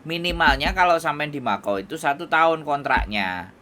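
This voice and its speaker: An advisor to migrant workers with a Javanese accent speaks at a moderate pace in a fairly high, sharp, animated voice. On the phone he gives firm advice, lectures, and checks that his listener understands.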